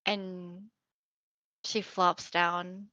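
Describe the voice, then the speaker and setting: A woman playing in a tabletop role-play, describing her character's actions in an unhurried way, with frequent ums and giggles. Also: on the low side, little pitch movement, bright, forceful tone, no echo, highs cut off. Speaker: player.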